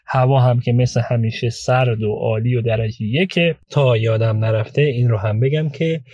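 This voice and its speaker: A man hosting a storytelling podcast about legal cases, talking chattily with frequent hesitations, his voice hoarse from a cold. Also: mid-range voice, steady tone, a little mellow, dry recording, lo-fi sound. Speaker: podcast host and lawyer recounting client cases.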